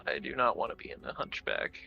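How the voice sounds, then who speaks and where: A man streaming a game with friends, talking in an animated, playfully melodramatic way. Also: fast, dull audio, faint music behind. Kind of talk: casual gaming chat.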